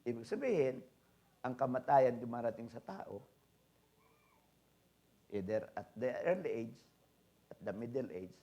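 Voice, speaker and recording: A man preaching a sermon as pastor, swinging between soft asides and loud exhortations, often checking in with the congregation and mixing in English phrases. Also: mid-range voice, big pitch swings, measured pace, long pauses. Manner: frequent tag questions to the congregation; mixes English phrases into his talk.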